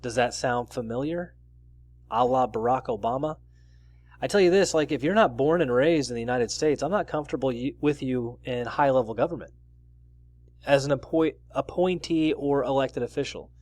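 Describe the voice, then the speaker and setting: Guy doing his own news commentary vid, chatty, mid-pitched voice, dead dry room. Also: normal speed, pauses often, a little mellow, no echo. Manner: conversational, reads out article excerpts with asides.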